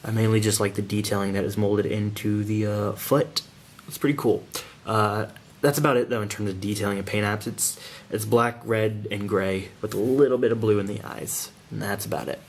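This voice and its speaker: A man's voice: fairly low pitch, steady tone, moderate pace. A man giving a casual hands-on toy review in an informal, slangy, enthusiastic manner.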